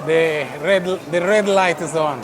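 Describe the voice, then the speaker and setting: A Texan travel vlogger chats his way through an outdoor night food court in casual walking narration, often exclaiming in wonder. His voice runs on the high side and a little slow. The noisy, crowded street market recording carries crowd chatter and traffic.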